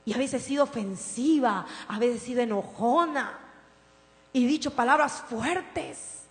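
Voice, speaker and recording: A woman pastor preaching a sermon in a church, swinging from impassioned declarations to soft, tender storytelling. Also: a little high, a little slow. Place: church sanctuary. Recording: reverberant hall with mains hum.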